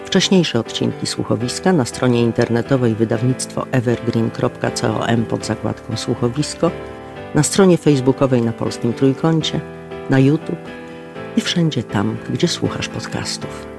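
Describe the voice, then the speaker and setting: A man's voice: mid-range voice, normal speed, creaky. A man reading scripted closing credits as an announcer. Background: guitar music.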